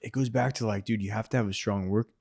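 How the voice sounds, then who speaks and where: A man's voice: on the low side, fairly even intonation, fast, darkish tone. A young man hosting a podcast, chatting loosely with a guest and laughing often, full of slang like "bro" and "dude". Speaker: podcast host. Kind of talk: casual chat.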